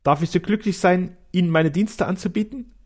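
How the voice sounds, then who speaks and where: A man reading aloud, voicing a brave, courteous young gentleman with confident, courtly speech. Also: sits high, a little fast, slightly rough, voice pushed up.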